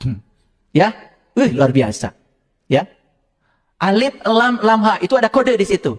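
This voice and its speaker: A man preaching a sermon to an audience, teasing his listeners with joking asides and leaping up in pitch when he quotes scripture. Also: a little slow. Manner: animated, jumping high in pitch for quotes. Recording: hall reverb.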